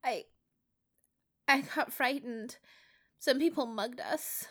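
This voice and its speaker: A woman's voice: on the high side, huge pitch swings, moderate pace, voice pushed up. Fields: Figure: woman voicing a meek, teary young man. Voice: small and trembling. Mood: frightened, tearful.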